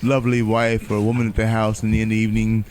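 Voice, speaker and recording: A man's voice: fairly low pitch, completely flat delivery, fast, a little mellow. A man talking casually and jokingly as a guest on a podcast recorded at a festival, rambling a little. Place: outdoor festival.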